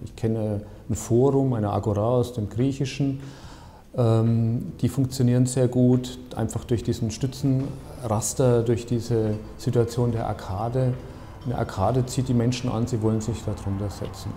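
Dark-voiced architect, measured and hesitant. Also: male voice, mid-range voice, fairly even intonation, a little hiss or hum. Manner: measured, thoughtful, frequent hesitations. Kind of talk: documentary interview. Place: bright office, seated at a desk.

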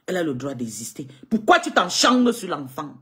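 A woman from Cameroon, scolding a critic in a combative monologue, swinging from low mutters to high outbursts. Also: sing-song, moderate pace, fairly bright tone, slightly rough. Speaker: live streamer answering a critic. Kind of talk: heated monologue on a live video.

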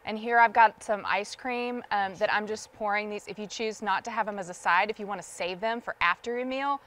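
A woman from the States, a guest on a TV shopping show, warmly listing ingredients and gushing over her family's food in a studio kitchen. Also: mid-range voice, brisk. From Southern United States. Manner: enthusiastic, lists ingredients, gushes over the food.

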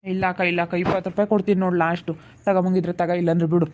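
A woman's voice: fairly low pitch, flat delivery, rapid-fire, darkish tone, muffled recording, lightly acted. A woman playing a defensive male vegetable seller, pleading with customers.

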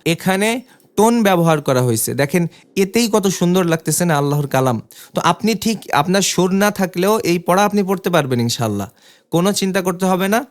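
Man, Quran reading teacher, recorded online lesson, slow repeated syllable drills, patient coaxing tone. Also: sits high. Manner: drills letter sounds slowly, repeating syllables in a chant; patient, coaxing teacher who checks in with frequent questions.

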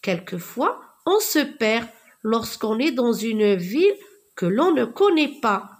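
A woman teaching young children to read, slowly repeating words and sounding out letters. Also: a little high, sing-song. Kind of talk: reading lesson for young children.

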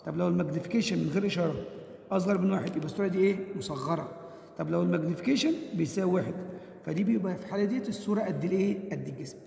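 A fast-talking man with an Egyptian accent, teaching at a breakneck clip in a gravelly, mellow voice. He fires off rhetorical questions and answers them himself, driving each point home by repetition. The sound is roomy, with a long reverb behind it. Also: high-pitched. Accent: Egyptian Arabic. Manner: drills key points by repeating them. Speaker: physics teacher. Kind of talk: exam-prep lesson. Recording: echoey room with long reverb.

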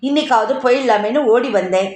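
A woman voicing a playful young man who teases gently and then reassures, read in a roomy space. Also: extremely high pitch, fairly quick. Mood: explaining. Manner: teasing, soothing.

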